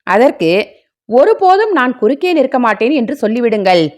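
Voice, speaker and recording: A woman voicing a grieving widowed mother who speaks softly and sorrowfully. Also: fairly high pitch, big pitch swings, normal speed. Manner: soft and sorrowful.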